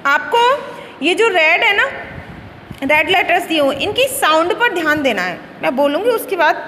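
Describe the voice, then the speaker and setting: A woman English teacher with an Indian accent, switching between Hindi and English, repeating words slowly for pupils to drill their pronunciation. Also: extremely high pitch, very animated, bright, forceful tone, in a large hall, slight background noise. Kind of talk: classroom lesson explaining words and pronunciation.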